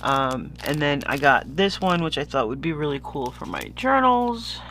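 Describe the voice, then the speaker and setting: Man, somewhat high-pitched, sniffly, rambling casual unboxing chat, losing the thread, faint background noise and hum. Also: sing-song, moderate pace, bright, forceful tone. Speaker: vlogger showing stationery purchases.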